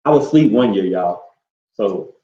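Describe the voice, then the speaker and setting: A man's voice: lowish voice, animated, normal speed, dark tone. Laid-back rambling man, echoey room. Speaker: co-host. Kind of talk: casual couple chat. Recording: echoey room, dull lo-fi sound.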